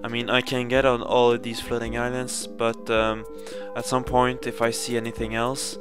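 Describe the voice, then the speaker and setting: A man's voice: mid-range voice, monotone, normal speed. A young man from Sweden with a Swedish accent, narrating a casual game playthrough with many fillers and self-corrections. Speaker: gaming channel host. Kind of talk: casual Let's Play commentary. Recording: game music playing behind.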